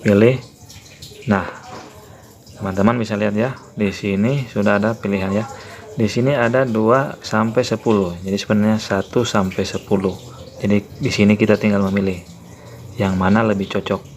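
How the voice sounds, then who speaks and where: A man's voice: on the low side, fairly even intonation, moderate pace, a little mellow. A man hosting a tutorial channel, walking viewers through a phone app in a plain explanatory way. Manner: plain explanatory, repeats "ya, teman-teman" fillers.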